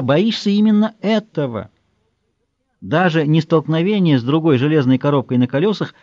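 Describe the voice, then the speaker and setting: A man narrating a novel as an audiobook in a measured, expressive reading. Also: a little high, dry recording, lo-fi sound. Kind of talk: scripted narration.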